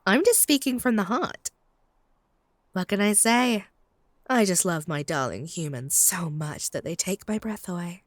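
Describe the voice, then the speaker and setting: A woman's voice: fairly low pitch, animated, a little slow, no echo, studio quality. A woman playing a possessive, haughty female vampire in a comedic roleplay audio drama, taunting and doting in a theatrical way. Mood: doting, boastful.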